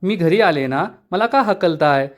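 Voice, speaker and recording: A man's voice: on the high side, animated, measured pace. A man voicing a cheerful young bride. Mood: playful.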